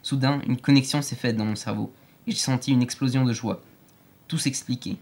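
A man narrating an audiobook in a clear, steady storytelling manner. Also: mid-range voice, brisk.

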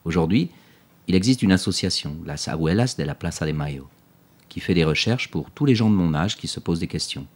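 A man's voice: low voice, lively intonation, fairly quick, a little mellow, husky. A man playing a wry father with a dry, teasing sense of humor in an audiobook drama. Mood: explaining. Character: wry, easygoing adult father, fond of dry jokes.

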